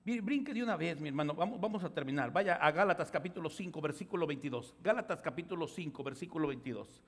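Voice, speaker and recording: A man pastor preaching a sermon, telling stories and acting out the voices, building to loud outbursts. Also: a little high, expressive, quick pace, breathy edge. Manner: storytelling preacher, acts out voices, rises to shouts. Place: church sanctuary. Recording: church hall reverb.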